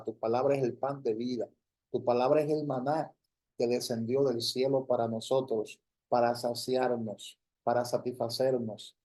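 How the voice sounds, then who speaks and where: A man leading prayer as a pastor, speaking slowly and solemnly in a flat, steady line. His tone is dark and mellow, and he repeats praise phrases in a measured rhythm. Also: medium pitch. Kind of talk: sermon prayer. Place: church, livestreamed service.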